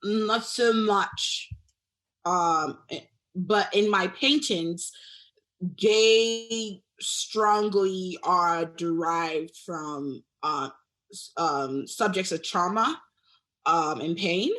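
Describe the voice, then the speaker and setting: Young adult woman from Nigeria, interview guest; slow, hesitant, bright tone. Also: lowish voice. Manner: hesitant, many fillers and restarts, laughs often. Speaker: guest artist. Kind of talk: casual interview chat.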